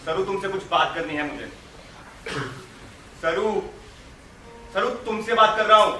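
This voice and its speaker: A young man playing a quick-witted wanderer narrating. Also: sits high, sharp tone, full character voice. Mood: pleading. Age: young adult. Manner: measured, reflective narration. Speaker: student stage actor. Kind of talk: stage play narration and acting. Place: large hall stage. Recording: echoey hall from far, music.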